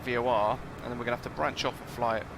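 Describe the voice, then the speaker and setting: A man's voice: mid-range voice, steady tone, racing, noisy background. A man casually talking through a flight sim live stream, thinking aloud and chatting with his viewers.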